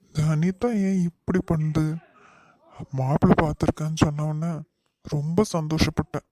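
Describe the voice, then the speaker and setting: A man voicing a worried, gentle middle-aged father in a cartoon, soft and weary, in Kanyakumari Tamil. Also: a little high, steady tone, moderate pace, dry recording, lightly acted. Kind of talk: cartoon voice acting.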